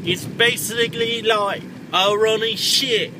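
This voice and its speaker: A man's voice: high voice, steady tone, slow. A man driving and ranting in a put-on Cockney impression, crude and mock-flirtatious, recorded on a camera in a moving car. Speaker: vlogger. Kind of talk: crude comedic rant. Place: inside a car while driving. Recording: road noise from a moving car.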